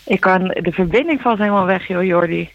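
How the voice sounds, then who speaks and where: A woman, a musician guest, talking earnestly and reflectively in halting phrases, heard over a phone line in a radio interview. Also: fairly low pitch. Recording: dull dry phone line.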